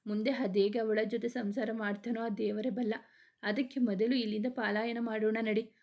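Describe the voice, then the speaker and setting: A woman's voice: a little high, flat delivery, normal speed, a little mellow, natural voice. A woman voicing a chatty, gossipy young woman, the hero's sister, in a storybook reading.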